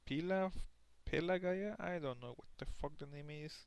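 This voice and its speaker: A man's voice: a little high, normal speed, creaky, a little mellow, smooth, no echo. A young man giving casual gameplay commentary, rambling and tired, with lots of restarts and the odd curse word. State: tired, yawning. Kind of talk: casual let's play commentary.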